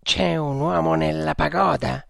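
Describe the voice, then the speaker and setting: Guy doing a loyal servant, eager to obey, gravelly voice. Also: a little high, fairly even intonation, a little slow, a bit bright, no room sound, studio quality, pitched above the performer's own voice, exaggerated voice. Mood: obedient. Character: loyal, devoted male servant of the priest. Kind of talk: audiobook character reading.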